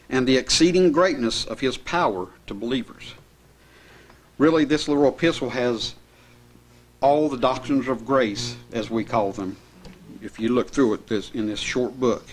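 A middle-aged man preaching a sermon at a pulpit in a small chapel, reading scripture verses in an earnest, steady way. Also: mid-range voice. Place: small church chapel indoors. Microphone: pulpit mic.

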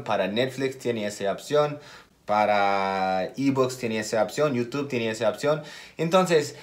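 A man teaching a casual video lesson at an unhurried, careful pace. He repeats key words for emphasis and stumbles a little in his Spanish. His voice sits in a middle register. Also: mid-range voice. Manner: makes small slips in his Spanish. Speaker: English teacher.

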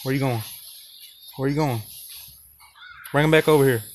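A man's voice: medium pitch, normal speed, a little hiss or hum. A young man commentating his own gameplay in a casual, trash-talking way, with a playful, chatty delivery to viewers. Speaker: gaming channel host.

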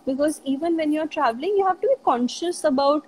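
A woman's voice: sits high, fast, a little mellow, low-quality recording. A woman guest talking casually about travel and her teaching work, with lots of "you know" fillers. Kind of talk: casual live chat interview. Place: live video chat.

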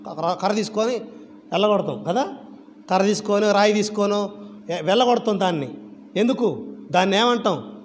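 Animated male preacher with a high voice, quizzing his flock, long hall reverb. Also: moderate pace, pauses often. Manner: animated, asks the congregation repeated rhetorical questions. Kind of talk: church sermon. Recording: reverberant church hall with faint background noise.

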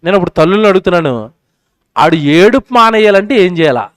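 A male preacher giving a sermon at a public meeting, quizzing the crowd and swinging between loud and soft. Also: sits high, big pitch swings, fast talker, dry recording, clean studio sound.

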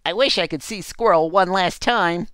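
A man doing a small boy's high pleading voice. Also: normal speed, fairly bright tone, clear, resonant tone, dry recording. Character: little boy hero, timid and earnest.

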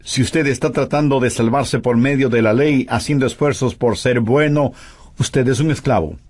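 A man's voice: medium pitch, moderate pace, a little mellow. A man preaching a sermon in a voice-over, emphatic and full of pointed rhetorical questions.

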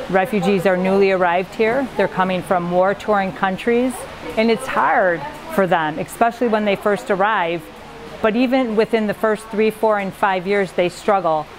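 A middle-aged woman speaks in an earnest, steady voice at an even middle pitch, describing her ministry's work. She stands in a busy indoor pantry, and the chatter of volunteers around her comes through clearly. Her delivery is measured and clear. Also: low-quality recording. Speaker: refugee ministry worker. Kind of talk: prepared statement to camera. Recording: busy room with crowd chatter. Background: crowd chatter.

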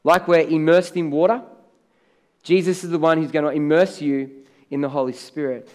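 Preaching on a big, blue-lit church stage, a middle-aged Australian pastor speaks in a level, darkish, fairly high voice at a moderate pace. He's chatty in his sermon but rises to emphasis on key words, his Australian accent clear throughout.

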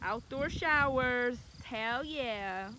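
A young woman casually vlogging at a rural campsite, chatty and relaxed, filming with a handheld camera at arm's length. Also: a little high, extremely slow, very noisy. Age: young adult. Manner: chatty, relaxed, filler-heavy. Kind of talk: casual travel vlog. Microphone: handheld camera or phone at arm's length.

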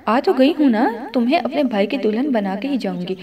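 A woman's voice: a little high, animated, warm tone, close to an everyday voice. A woman reading as a proud, guarded young wife. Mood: teasing. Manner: cold, clipped replies.

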